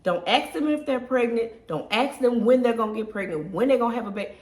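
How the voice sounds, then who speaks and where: Her voice is slightly high, animated, quick, and a bit mellow as this woman in her thirties, a lifestyle vlogger from the Southern US, shares a personal story. She speaks casually and emotionally, often saying "y'all," and the room sounds echoey.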